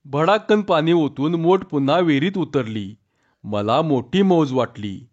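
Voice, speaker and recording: A man narrating a rural story in calm, unhurried scripted narration, in a dull lo-fi recording. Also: a little high.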